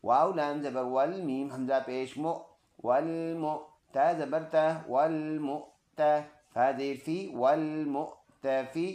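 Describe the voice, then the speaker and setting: In an echoey room, a man with a slightly high, mellow voice and fairly even intonation teaches Quran reading slowly. He spells out every word letter by letter and vowel by vowel, then recites the whole verse.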